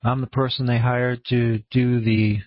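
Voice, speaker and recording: A man with a Maine accent and a husky voice, hosting an online conference call in a casual, rambling, laid-back way. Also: medium pitch, flat delivery, a little slow, dry recording. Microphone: online conference room call. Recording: dull, muffled lo-fi audio.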